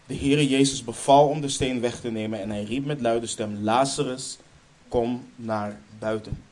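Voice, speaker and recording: A man's voice: medium pitch, moderate pace, darkish tone. A man preaching a sermon in Dutch churches' style, stressing key lines emphatically, then leading a prayer.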